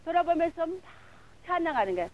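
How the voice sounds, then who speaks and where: Woman preacher, high voice, fervent breathless testimony. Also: big pitch swings, fast talker, muffled recording. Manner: fervent, breathless retelling, runs of filler words. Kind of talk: emotional sermon testimony.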